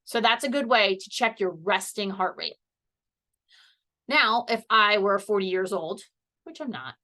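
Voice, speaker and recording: Bright-voiced woman teaching a health class. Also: mid-range voice. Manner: chatty, explains step by step with fillers. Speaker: health educator. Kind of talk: casual instructional presentation. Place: seated indoors.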